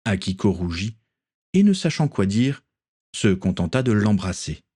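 Low husky guy reading a story out loud, steady and deliberate. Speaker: narrator. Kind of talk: storybook narration.

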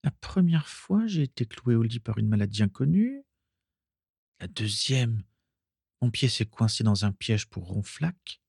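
A furious woman shrieks her accusations high above a normal speaking voice, put on by a man reading a storybook. She stays suspicious and hostile, her pitch straining upward. The sound is close and dry. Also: big pitch swings, brisk, husky, dry recording. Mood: muttering. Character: furious shrill adult woman. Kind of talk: audiobook reading.

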